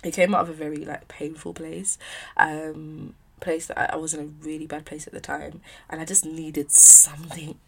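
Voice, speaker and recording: Low, creaky-voiced young South East London woman. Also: level tone, normal speed, a bit bright. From south-east London, England. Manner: chatty, candid, opinionated. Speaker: podcast host. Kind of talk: casual solo podcast chat. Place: at home.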